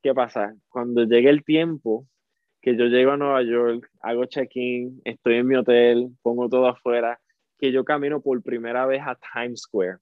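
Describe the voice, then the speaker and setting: A man with a Puerto Rican accent, a podcast guest telling a personal story in a casual, animated way and repeating words for emphasis. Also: mid-range voice, normal speed, smooth, dry recording. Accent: Puerto Rican Spanish. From Puerto Rico. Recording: dry, phone-like narrow sound.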